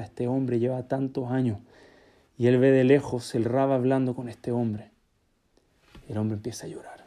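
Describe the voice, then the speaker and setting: A man telling a religious story as a sermon, acting out the characters' dialogue in an animated way. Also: mid-range voice.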